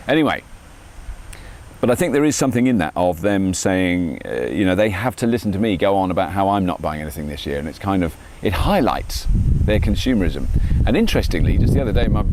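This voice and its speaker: A man's voice: sits low, slight background noise, poor audio. Middle-aged guy rambling in his garden, bouncy up-and-down voice, self-mocking. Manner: chatty, self-mocking, animated. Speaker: vlogger. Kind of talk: casual rambling monologue. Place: garden, outdoors.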